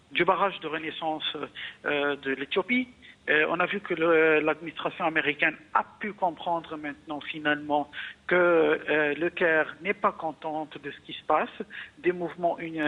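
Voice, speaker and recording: Speaking through a thin, phone-like channel, an Egyptian guest analyst weighs in during a news interview. His pitch runs fairly high for a man, and he halts and repeats little words while assembling his arguments.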